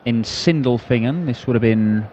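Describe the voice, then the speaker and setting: A man's voice: medium pitch, normal speed, a little mellow, muffled recording, slight background noise. A man giving live darts commentary as a broadcast commentator.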